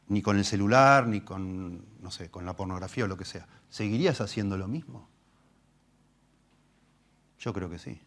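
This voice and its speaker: A man pastor with a Rioplatense Spanish accent, giving an expository sermon in a church. He speaks emphatically, swinging between loud stresses and quiet asides, and reads scripture slowly and deliberately. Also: lowish voice.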